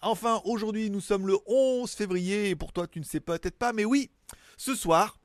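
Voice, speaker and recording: Speaking at a normal speed in a voice that sits high, a tech news YouTuber rambles to camera from his home in Thailand. His casual chat is self-mocking and packed with fillers, and the recording is dry.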